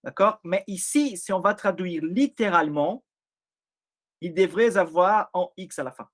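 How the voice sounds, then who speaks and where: Guy with a foreign accent walking folks through a bible passage, kinda high voice, keeps checking in. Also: a little slow, fairly bright tone. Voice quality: speaks French with a non-native accent. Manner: explains step by step, often checks in with listeners. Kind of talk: informal Bible study explanation.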